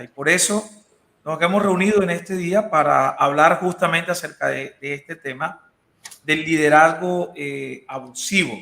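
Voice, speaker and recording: A man's voice: fairly high pitch, creaky, bright, forceful tone. A man hosting a church discussion program, welcoming his guests and speaking with many fillers. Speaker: host. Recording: echoey room.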